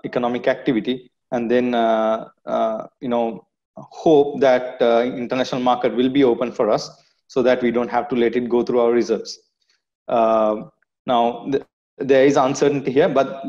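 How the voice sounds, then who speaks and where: A man with a Sri Lankan English accent, an analyst on a video call panel, speaking in a measured way with many fillers. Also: mid-range voice, dark tone. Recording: muffled video call audio.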